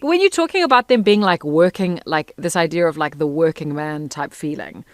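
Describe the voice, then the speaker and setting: A woman co-hosting a podcast, warm and enthusiastic in casual chat. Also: low-pitched, lively intonation, a little fast, no echo. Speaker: podcast co-host.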